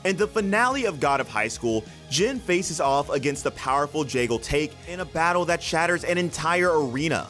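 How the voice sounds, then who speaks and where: Man narrating a countdown, lively pitch swings. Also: normal speed, hardly any pauses, faint music behind. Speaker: narrator of an anime countdown video.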